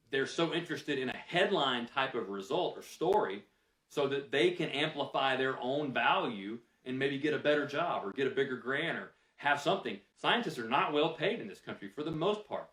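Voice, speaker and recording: A man's voice: medium pitch, a bit bright. A man answering audience questions after a lecture, candid and conversational, thinking aloud with fillers. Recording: roomy, mic some distance away.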